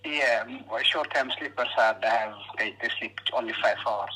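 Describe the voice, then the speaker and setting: A man speaking English as a second language, hesitant and halting with many fillers, heard over a phone line. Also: medium pitch, pushed and bright, slightly rough. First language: not English. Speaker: date on a phone call.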